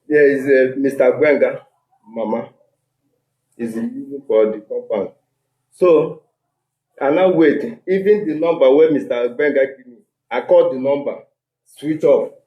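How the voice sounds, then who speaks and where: A Nigerian man, a tenant, walks through his complaint step by step, mixing Nigerian Pidgin and English into a handheld mic in an echoey room. He has a mid-range voice and talks a little slowly with frequent pauses, and the highs in the audio are cut off.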